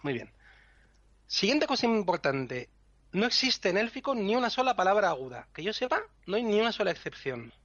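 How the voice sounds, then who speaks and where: A man's voice: high-pitched, big pitch swings, fairly quick, fairly bright tone, no room sound. A man explaining language rules to a co-host in a patient, teacherly way, with frequent chuckles. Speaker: language section guest. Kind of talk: explanatory podcast chat. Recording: dull lo-fi podcast recording with faint music.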